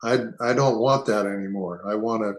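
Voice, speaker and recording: The voice is a man's, on the low side and at normal speed, heard in an echoey room. He's a podcast guest in his seventies, born in England, chatting thoughtfully in a relaxed interview and often restarting what he says.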